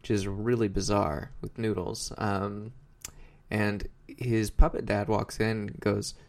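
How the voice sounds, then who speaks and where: A man chats through a TV episode recap in an easygoing, meandering way. His voice sits on the lower side. He pauses often with fillers. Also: little pitch movement, vocal fry, a little mellow. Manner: rambling, hesitant with many fillers. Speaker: podcast co-host. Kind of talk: casual recap chat.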